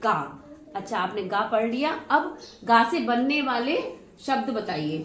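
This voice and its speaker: A woman's voice: a little high, animated, measured pace, fairly bright tone. A woman teacher giving a classroom lesson, patiently prompting her students with questions and praising their answers. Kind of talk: classroom lesson on Hindi vowel signs. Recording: echoey room with faint noise.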